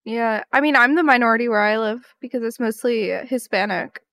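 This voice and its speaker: A woman chiming into a podcast's casual chat, curious and quick to react. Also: fairly high pitch, a bit bright, no echo.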